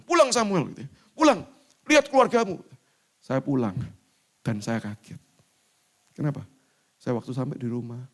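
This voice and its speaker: A man from East Java preaching a sermon and telling a personal story, with dramatic swings between loud highs and quiet lows. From East Java, Indonesia. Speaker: evangelist preacher. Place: church hall.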